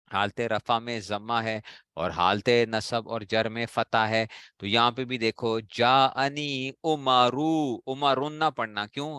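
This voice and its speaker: A man with a Pakistani Urdu accent leads a grammar class, asking a question and then giving the answer himself. He speaks slowly in a smooth, low voice. The sound is close and dry. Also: bright, forceful tone, no room sound. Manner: drills students with repeated questions and answers. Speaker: teacher of Arabic grammar. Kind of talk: classroom lecture.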